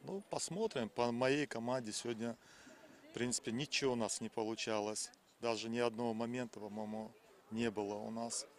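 A man in his fifties, a football coach, giving plain, halting, repetitive post-match answers outdoors into a handheld microphone. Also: medium pitch, fairly even intonation. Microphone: interviewer's handheld microphone.

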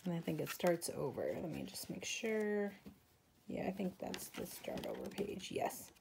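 A woman's voice: lowish voice, huge pitch swings, unhurried, vocal fry, noisy background. A woman showing off her craft supply haul in a casual video, gushing over each item and saying she is tired. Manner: gushing, breathless exclamations. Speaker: craft vlogger.

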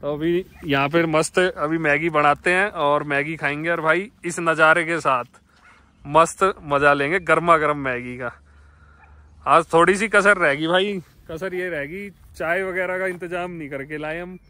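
A man's voice: fairly high pitch, fairly even intonation, measured pace, bright, forceful tone, no room sound. A young man from India, enthusiastically chatting to viewers in a travel vlog, first from inside a car and then on a mountainside. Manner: enthusiastic, addresses viewers as brothers. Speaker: travel vlogger. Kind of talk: casual travel vlog chat.

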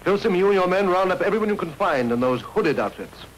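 A man's voice: high voice, lively intonation, fast talker, rough recording. A man playing a tough police detective who gives brusque commands, in 1930s film acting. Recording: old film soundtrack with faint hiss.

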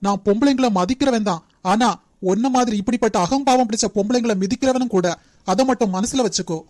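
A woman's voice: a little high, fast, darkish tone, lightly acted. A woman voicing a stern, protective young man in a cartoon, speaking firmly with a Nagercoil Tamil accent. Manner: firm, commanding. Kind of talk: cartoon voice acting.

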